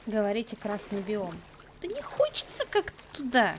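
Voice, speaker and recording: A woman's voice: medium pitch, huge pitch swings, moderate pace, background noise. A young adult woman giving casual, playful live gaming commentary, half talking to herself and repeating words. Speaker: game streamer. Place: indoor room at a computer.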